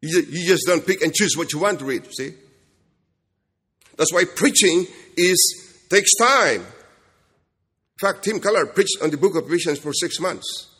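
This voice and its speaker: Guy preaching a bible sermon, kinda husky, repeats stuff for emphasis, long echo like a big hall. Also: on the high side, animated, unhurried, pauses often, pushed and bright. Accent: non-standard accent, self-described jokingly as Kentucky. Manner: emphatic, repeats phrases, checks in with rhetorical questions. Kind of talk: expository sermon. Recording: echoey hall with long reverb.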